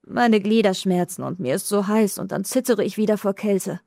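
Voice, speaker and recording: A woman voicing a frail, feverish old woman who is dying and speaks slowly, weakly and tenderly. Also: medium pitch, vocal fry, warm tone, no room sound, studio quality, natural voice. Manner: slow, weak and tender. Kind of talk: audiobook dialogue.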